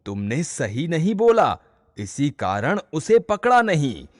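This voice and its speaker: A man's voice: fairly high pitch, big pitch swings, takes it slowly, no echo, clean studio sound, exaggerated voice. A man playing a flustered, arguing villager. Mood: exasperated. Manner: shouting insistently, then laughing and explaining. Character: flustered man who lost his goods, arguing. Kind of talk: storybook skit acting.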